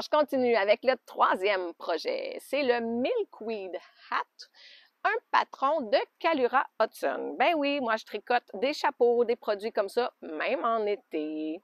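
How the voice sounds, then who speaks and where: A woman with a Québécois French accent chatting casually in a knitting podcast, homey and loose, with soft laughs. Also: mid-range voice, no room sound, studio quality. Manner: chatty, homey, often laughs softly and adds little fillers. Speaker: knitting podcaster and alpaca farmer. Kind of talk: casual show-and-tell chat. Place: outdoors by an alpaca pen.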